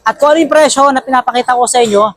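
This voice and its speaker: Racing along in a high voice on a dry recording, a woman with a Filipino accent shows viewers around a sale at a large indoor warehouse store. Her walk-through vlog is chatty and upbeat, peppered with tag questions.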